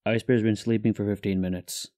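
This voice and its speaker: A man voicing a stoic male bear who talks about himself in the third person in a flat, deep monotone with terse, clipped sentences. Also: brisk, lightly acted. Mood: deadpan.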